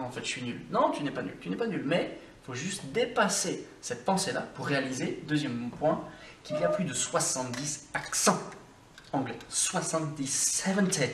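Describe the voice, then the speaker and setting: A man's voice: a little high, slight background noise. A man giving a casual video lesson as an English teacher, talking straight to the viewer in an informal, coaching way. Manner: addresses the viewer directly and informally. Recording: roomy sound from a distance with faint ambience.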